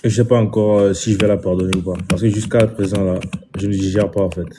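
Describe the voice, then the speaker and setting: A man's voice: low voice, little pitch movement, quick pace, warm tone, faint music behind. A man talking to camera in a casual vlog, scolding with indignant repetition. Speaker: vlogger.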